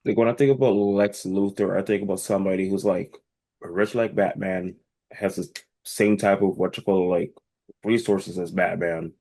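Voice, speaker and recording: A man's voice: low voice, fairly even intonation, normal speed, dark tone. A man co-hosting a casual movie podcast, blunt and profane, often searching for words. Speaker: podcast co-host. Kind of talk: casual movie review chat. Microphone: podcast microphone.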